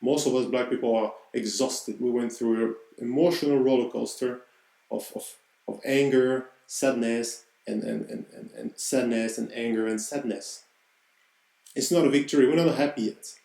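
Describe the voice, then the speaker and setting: Man, French accent, earnest podcast host, gravelly dark voice, roomy echo. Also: medium pitch, fairly even intonation, moderate pace. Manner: earnest, reflective. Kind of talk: personal storytelling monologue.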